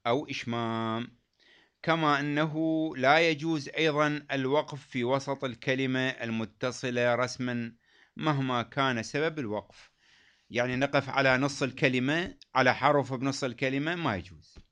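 A man's voice: medium pitch, a bit bright, clean tone. A man teaching a lesson on recitation rules, explaining patiently and repeating key phrases, in a dull lo-fi recording. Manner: chants quoted verses slowly.

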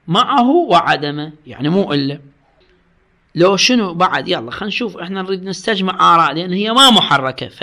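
Iraqi male teacher, high gravelly voice, slow text reading then explaining and quizzing students. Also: sharp tone. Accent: Iraqi Arabic. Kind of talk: religious law lesson.

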